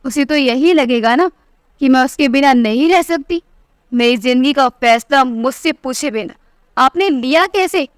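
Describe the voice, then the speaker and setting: A proud, defiant young wife with a sharp, cutting way of speaking, as a woman storyteller puts her on. The voice sits high and sounds smooth and clear. It is recorded dry and close. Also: unhurried, no room sound. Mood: angry. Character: proud angry young married daughter. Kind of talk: storybook narration.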